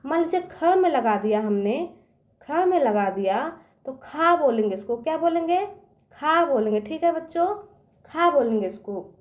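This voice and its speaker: High-voiced woman teaching small children. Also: expressive, reverberant, highs cut off. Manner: slow, stretched-out word-by-word dictation; keeps checking understanding with questions. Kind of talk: children's reading lesson.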